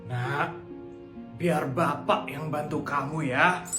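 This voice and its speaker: A man doing a gentle, pitying poor man for a comedy sketch, voiced high and soft. The sound is echoey, with music playing loudly underneath. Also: slow pace. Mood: sympathetic. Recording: echoey with loud background music.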